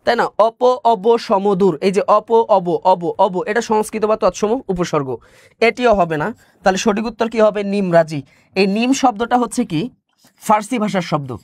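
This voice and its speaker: A man with a Bangladeshi Bengali accent teaches an exam-prep class online. His voice sits high, and he repeats key words and questions his listeners as he explains. The sound is dry and close, with no room echo.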